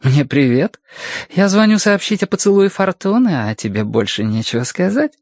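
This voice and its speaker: A man's voice: sits high, big pitch swings, normal speed, darkish tone, dry recording, studio quality, pitched above the performer's own voice, heavily acted. A man voicing a purring, sultry woman. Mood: purring, teasing. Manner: purring, teasing, playful. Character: sultry flirtatious woman gallery owner. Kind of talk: audiobook character reading.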